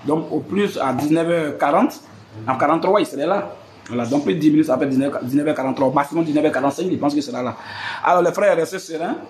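High-voiced man hosting a live debate. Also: quick pace, a little hiss or hum. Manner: repetitive, rhetorical questions, peppered with "hein". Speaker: host of a live religious debate. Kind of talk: live stream preaching to followers.

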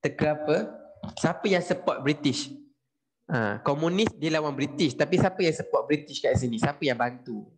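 Male history tutor, Malaysian Malay accent, online class, lively questioning style, slightly higher voice. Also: moderate pace, husky. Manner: lively, asks students questions, mixes in English.

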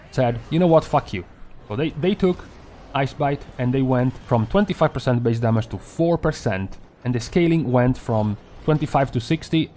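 Man, young adult, gaming commentary, brisk, sarcastic, mid-pitched voice. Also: a little hiss or hum. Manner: brisk, sarcastic, lively delivery. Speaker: video game commentator. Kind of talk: gaming patch-notes commentary.

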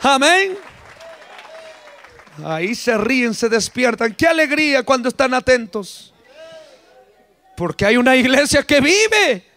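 Peruvian pastor guy preaching, super high voice, gravelly, slow and drawn out. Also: very animated, some chatter behind. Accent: Peruvian Spanish. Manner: preaching with shouted rising bursts and acted-out voices; drops to low, quiet asides. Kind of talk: fiery sermon. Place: church service.

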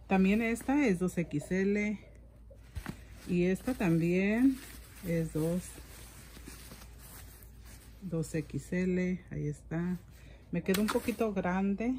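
Indoors in a home room, a middle-aged woman talks casually about gifts for her haul vlog, wandering off topic and saying things twice. She has a deep, dark-toned voice, and there is slight background noise.

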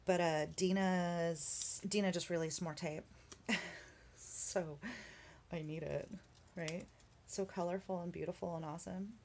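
A woman chatting casually at her craft desk as she works on a journal page, rambling with lots of fillers and small laughs, and sometimes muttering quietly to herself. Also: fairly low pitch, fairly even intonation, measured pace, long pauses, slight background noise. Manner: mutters softly to herself while working. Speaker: craft vlogger. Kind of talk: casual chat while crafting. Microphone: camera on the work desk.

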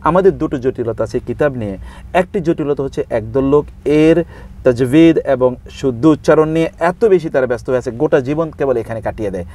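A man speaking as a religious scholar in an interview, explaining scripture in steady listed points, reciting verses in Arabic and dropping in English words. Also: medium pitch, a little fast. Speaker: Islamic scholar guest.

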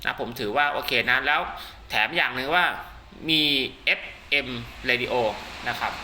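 At home while heavy rain pours, a radio seller and channel host with a medium-pitched voice casually shows off products at a measured pace. He rambles, repeats himself, and keeps using polite tags. The low-quality recording carries loud rain noise behind him.

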